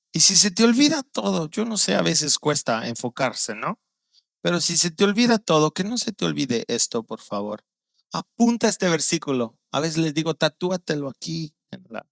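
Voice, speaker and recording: Earnest Guatemalan pastor preaching. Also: male voice, vocal fry, no echo. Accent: Guatemalan Spanish. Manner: storytelling, acting out quoted voices with sudden loud outbursts; earnest, drops low and quiet on serious points. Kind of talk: sermon.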